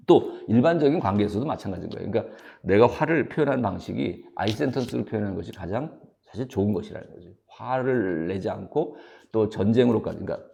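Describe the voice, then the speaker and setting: A man giving a university lecture, explaining slowly with many fillers and acting out short example exchanges. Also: lowish voice, creaky, warm tone.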